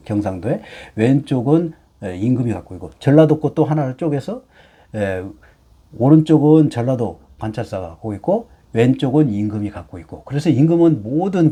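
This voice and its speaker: Middle-aged guy lecturing on chinese characters, dark husky tone, keeps saying "ye" and asking the class stuff. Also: mid-range voice. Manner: explains slowly with many "예" fillers and rhetorical questions. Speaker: hanja teacher.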